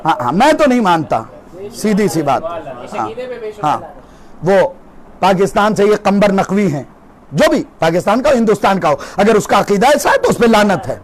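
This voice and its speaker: A male cleric delivering an impassioned religious sermon with an Indian Urdu accent, moving between quiet storytelling and shouted declamation. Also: big pitch swings, moderate pace. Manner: oratorical, swings from low storytelling to shouted declamation. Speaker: cleric giving a majlis sermon. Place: gathering hall with a crowd.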